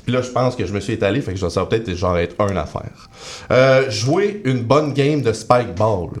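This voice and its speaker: A man with a Quebec French accent telling comic personal stories as a guest on a radio show, self-mocking and quick with asides. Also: lowish voice, animated. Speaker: guest columnist. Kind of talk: comic radio chronicle, casual banter. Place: radio studio.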